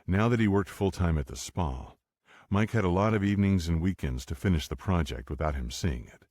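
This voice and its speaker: Man narrating an audiobook, super low voice, dead dry close mic. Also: animated, fairly quick, a little mellow, dry recording. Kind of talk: scripted narration.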